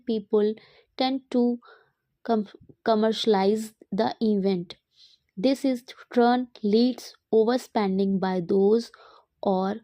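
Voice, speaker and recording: A woman teacher dictating an English passage in short, separated phrases, pausing deliberately between them. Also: fairly high pitch, mellow, no echo. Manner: dictating word group by word group with deliberate pauses.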